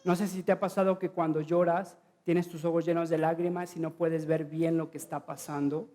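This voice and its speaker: Man, pastor, sermon, high voice, direct address, repeated questions. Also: flat delivery, moderate pace, mellow.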